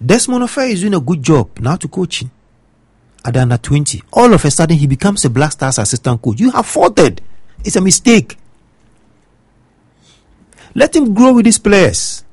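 Ghanaian man, football pundit, rhetorical and emphatic, raspy tone, dry close sound. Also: a little high, big pitch swings, moderate pace, long pauses, a little mellow, no echo. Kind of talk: opinionated sports commentary.

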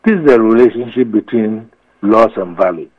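A man's voice: lowish voice, moderate pace. A man with a Ghanaian accent explaining his views emphatically and with repetition, as an expert guest in a radio interview. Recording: muffled, echoey radio feed.

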